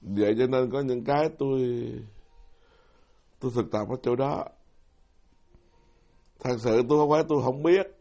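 A monk preaching to a live audience in a hall. He is a middle-aged man at a middle pitch, chatty and self-deprecating. He keeps turning to ask his listeners questions. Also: normal speed, long pauses, dark tone. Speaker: Buddhist monk giving a dharma talk. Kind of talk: sermon.

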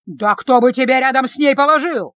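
A woman voicing a hot-headed village man who yells accusations. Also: high voice, brisk, dry recording. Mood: angry, yelling. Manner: yelling, accusing.

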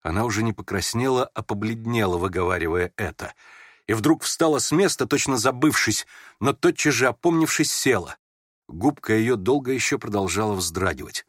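A man's voice: on the low side, no echo. Male audiobook narrator, dry and close. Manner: measured, expressive storytelling. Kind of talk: scripted literary narration.

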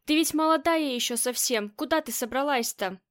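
A woman reading the lines of a gruff, protective male bodyguard in an audiobook, blunt and scolding. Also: high-pitched, normal speed, lightly acted. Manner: blunt and scolding, then softly pleading.

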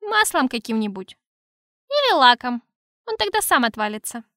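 A woman's voice: sits high, big pitch swings, normal speed, bright, forceful tone, dry recording, studio quality, exaggerated voice. A woman voicing a pedantic know-it-all inner voice that lectures and corrects in an audiobook. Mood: explaining. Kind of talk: audiobook reading.

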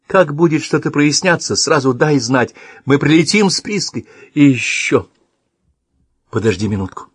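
A man's voice: fairly high pitch, animated, normal speed, breathy edge, no room sound, clean studio sound, voice pushed up. A man voicing an emotional middle-aged aunt who takes charge, talking urgently.

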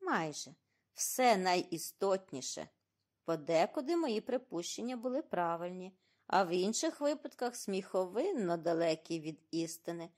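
A woman reading an audiobook and voicing an excitable, fussy middle-aged male detective who speaks theatrically and in exclamations. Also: on the low side, moderate pace. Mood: confident.

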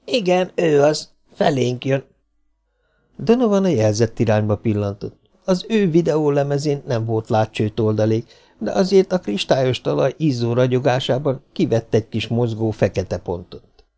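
A man reading a science-fiction audiobook in a steady, measured narrating voice. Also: mid-range voice.

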